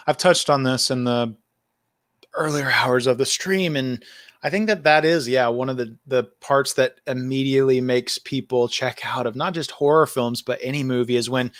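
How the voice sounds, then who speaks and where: A man's voice: medium pitch, a bit bright, no room sound, clean studio sound. A man hosting a livestream as the filmmaker, talking casually and rambling with many fillers and restarts. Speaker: filmmaker host.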